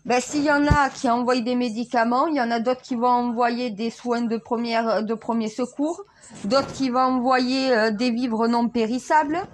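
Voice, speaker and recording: A woman from France talks casually to her viewers, rambling from one thought to the next and stumbling over restarts. Her voice sits a little high, and she breaks into laughter often. A faint hiss of background noise runs under the recording. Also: steady tone, normal speed. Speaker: self-styled spiritual vlogger.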